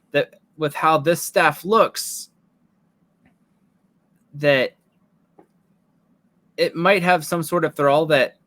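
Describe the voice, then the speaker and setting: A man's voice: a little high, sharp tone. A man narrating as game master of a tabletop game, casual and thinking aloud.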